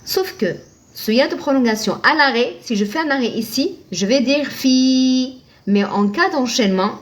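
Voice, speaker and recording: Woman, high voice, patient live online teacher who quizzes and answers herself. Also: lively intonation, normal speed. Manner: patient, asks and answers her own questions, thanks viewers by name. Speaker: Arabic reading teacher.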